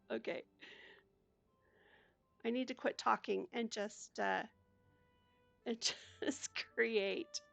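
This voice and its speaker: Older woman, slow and gravelly, chatty gameplay commentary with soft game music underneath. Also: on the high side, no room sound. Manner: chatty, soft-spoken, talks herself through each step. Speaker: gaming YouTuber.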